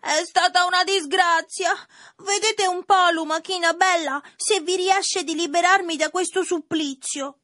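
A man's voice: very high voice, fairly even intonation, unhurried, bright, forceful tone, no room sound, studio quality, voice pushed up, exaggerated voice. A man voicing an impatient wooden puppet boy who pleads and flares up in anger, in a storybook reading. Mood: pleading.

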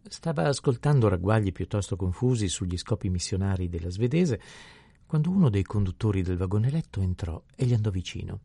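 Deep, gravelly male audiobook narrator. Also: dry recording. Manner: measured, even storytelling.

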